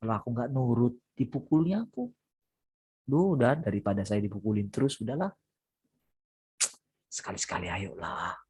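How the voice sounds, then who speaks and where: A preacher voicing a resentful young shepherd boy who grumbles in a low, muttered tone during a sermon. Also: lively intonation, moderate pace, long pauses, darkish tone, breathy edge, dry recording. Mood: grumbling.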